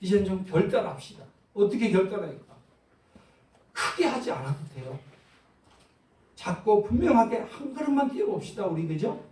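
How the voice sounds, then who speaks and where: A male pastor preaching a sermon, asking the congregation questions and answering them, moving between loud exhortation and soft low asides. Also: sing-song, normal speed, long pauses. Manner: call-and-response preaching, asks the congregation questions. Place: large church sanctuary. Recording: roomy echo, far from the mic.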